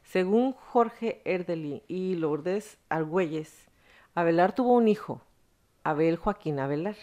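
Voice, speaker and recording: A woman hosts a casual podcast, telling the story bluntly and dropping slang and swear words. Her voice sits low for a woman. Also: gravelly, mellow, highs cut off. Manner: frank, blunt, uses slang and profanity. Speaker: podcast host.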